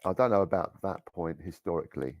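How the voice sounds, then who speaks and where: Deep-voiced man running a tabletop game. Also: a little mellow, no room sound. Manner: halting, with many restarts. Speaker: game master.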